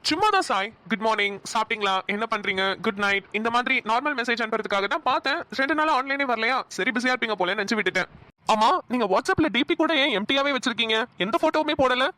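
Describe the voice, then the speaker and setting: A woman's voice: on the high side, lively intonation, fast talker, bright, forceful tone. A woman doing an eager, chatty young man. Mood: friendly. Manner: friendly, apologetic. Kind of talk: cartoon voice acting.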